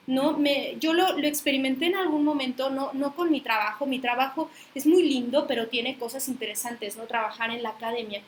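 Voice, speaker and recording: A woman's voice: high-pitched, roomy sound, slight background noise. A woman with a Mexican accent, teaching a spiritual study group in a chatty storytelling way, acting out dialogue and often asking "¿no?". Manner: chatty storytelling, acts out dialogue, frequent tag questions. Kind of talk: casual spiritual teaching talk.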